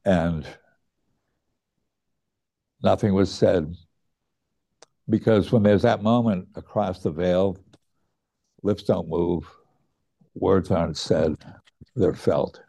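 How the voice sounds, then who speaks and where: A middle-aged man with a very low voice and a gravelly edge recounts a personal memory. He speaks slowly and reflectively, with hesitant pauses and a few restarted words. His tone is dark and mellow. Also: steady tone. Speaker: student recounting his teacher's death. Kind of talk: personal storytelling.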